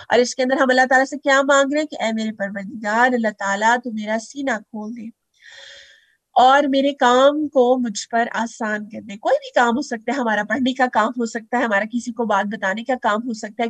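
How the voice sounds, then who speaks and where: A woman's voice: a little high, no echo. A woman teaching Quran recitation step by step, patiently drawing out syllables to demonstrate.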